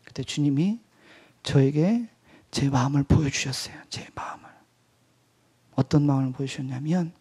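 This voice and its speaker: A male pastor and missionary giving a testimony at an evening church service, swinging between loud outbursts and hushed whispers. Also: fairly high pitch. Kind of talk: sermon testimony.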